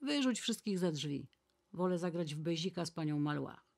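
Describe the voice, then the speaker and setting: A woman's voice: sits low, expressive, normal speed, creaky, full character voice. A woman reading aloud voices an irritable, headstrong young woman who snaps orders. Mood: snappish. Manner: snappish and commanding.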